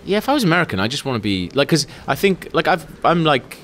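A man's voice: fairly high pitch, sing-song, quick pace, fairly bright tone, a little hiss or hum. A young man co-hosting a casual chat, rambling with lots of fillers and frequent laughter. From Wales. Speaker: podcast co-host.

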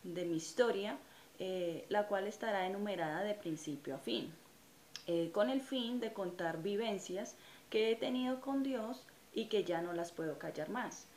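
A Colombian woman in her thirties speaks her religious testimony straight to camera, earnest and reflective, pausing often on hesitant fillers. She sits close to a phone or camera in a small room that rings with echo, a faint ambient hiss underneath. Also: medium pitch, a little mellow. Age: 30s. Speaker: channel host giving personal testimony. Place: small indoor room in front of a curtain. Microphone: camera or phone at close range.

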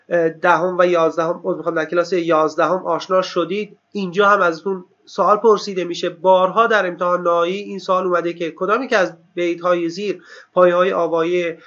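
A man with a high, bright voice reviews exam material like a teacher, drawing out key terms and asking and answering his own questions. The recording sounds dull and lo-fi.

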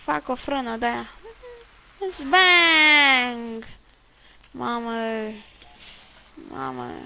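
Gravelly-voiced woman gaming. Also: fairly high pitch, a little hiss or hum, low-quality recording. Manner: rambling, chatty, swears at the game. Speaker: let's play gamer. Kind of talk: casual gameplay commentary.

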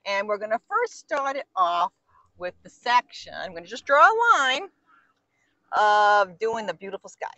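Brief: older woman, lively up-and-down voice, chatty painting host, dull lo-fi outdoor sound. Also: mid-range voice, moderate pace, no echo. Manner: chatty, addresses viewers as everybody. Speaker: host leading a painting session. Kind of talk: casual instructional chat. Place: outdoors on a lakeside dock.

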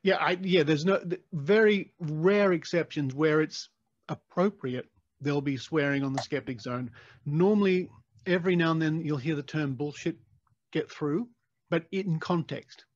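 A man's voice: fairly high pitch, normal speed, dry recording. A man with an Australian accent hosting a podcast, chatting casually and animatedly, laughing easily. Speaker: podcast host. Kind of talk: casual interview chat. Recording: dry, slightly dull sound.

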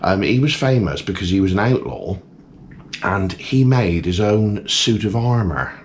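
Jokey deep-voiced man telling stories. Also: expressive, unhurried, slight background noise. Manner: jokey, rambling storyteller. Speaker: travel vlogger co-host. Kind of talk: casual chat.

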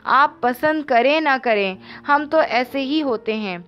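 A woman's voice: high-pitched, lively intonation, slow, smooth, soft background music. A woman voicing a playful, stubborn young man who teases a woman in an audiobook novel. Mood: teasing. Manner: teasing, mischievous. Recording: dull lo-fi audio.

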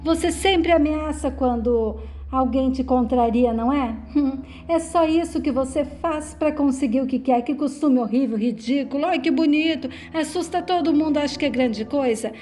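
A defiant, gravely ill woman, voiced by a woman reading her lines. The voice sits high and mellow, and the delivery is quick and plain. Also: a little hiss or hum, lightly acted.

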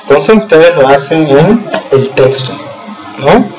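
A man teaching an English lesson to schoolchildren, explaining slowly and patiently and pausing to check they follow, slowing down to spell out example sentences. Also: a little high, expressive, darkish tone, faint music behind, low-quality recording. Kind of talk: recorded remote lesson over slides.

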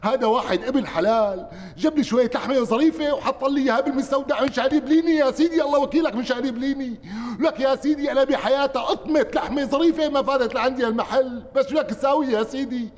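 A man's voice: fairly high pitch, brisk, a little mellow, natural voice. An actor with a Syrian accent playing a sly, chatty butcher who wheedles and laughs his way through excuses. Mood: wheedling. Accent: Syrian Arabic. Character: sly chatty male butcher pleading innocence. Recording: reverberant studio set.

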